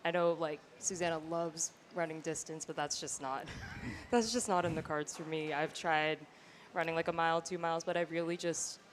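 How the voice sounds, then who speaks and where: A hoarse teenage girl talking casually about sprinting as a guest, with lots of "like". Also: low-pitched, steady tone, normal speed, noisy background. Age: teens. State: hoarse from lost voice. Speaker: guest athlete.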